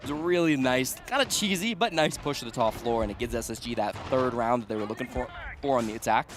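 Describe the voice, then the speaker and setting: A man's voice: medium pitch, fast, background noise. A man giving live esports commentary and analysis, emphatic and repeating key phrases for weight. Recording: music bed behind the voice. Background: music.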